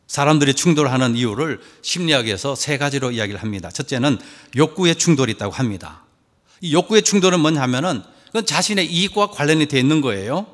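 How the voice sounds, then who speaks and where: A man's voice: medium pitch, fairly bright tone, in a large hall. A man preaching a sermon as pastor, joking with the congregation and asking them questions.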